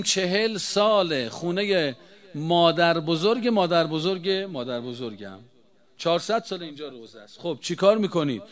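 Man, fairly high voice, religious talk, rhetorical, emphatic bursts and quiet asides. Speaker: religious eulogist speaking on mourning rites.

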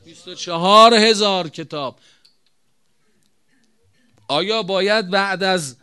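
A man delivers a sermon in a high-pitched voice. His tone is smooth and resonant, and he presses his points home emphatically. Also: a bit bright. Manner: emphatic, addresses audience as brothers and sisters. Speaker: preacher. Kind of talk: religious sermon.

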